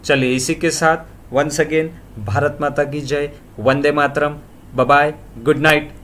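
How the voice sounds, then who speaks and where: A man teaching English vocabulary in a brisk Hinglish lesson, reeling off quick lists of synonyms. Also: a little high, little pitch movement, fairly bright tone, slight background noise.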